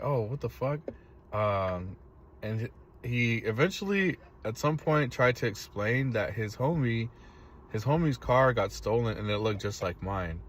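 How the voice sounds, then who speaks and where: A man's voice: fairly low pitch, fairly bright tone, a little hiss or hum. Laid-back man streaming from his car. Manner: laid-back storytelling, swears freely. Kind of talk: casual live-stream chat reading comments. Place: inside a parked vehicle.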